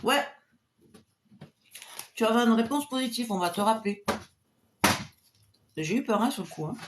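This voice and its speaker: A woman clairvoyant reading out viewers' questions on a live stream and answering them with a pendulum. She is cheerful and chatty, and drops to a low murmur when she calls on her guardian angels. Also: lively intonation, moderate pace, slight background noise.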